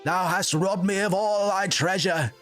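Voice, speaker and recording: A man's voice: high voice, measured pace, a bit bright, faint music behind, pitched above the performer's own voice. A man voicing a young heroic lover in a stage melodrama, anguished and declamatory in archaic English.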